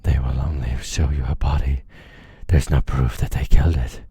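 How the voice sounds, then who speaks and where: A man doing a husky, frantic advisor. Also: very deep voice, fairly even intonation, moderate pace, mellow, no room sound, exaggerated voice. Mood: hissing suspicion. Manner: frantic, pleading, urging violence.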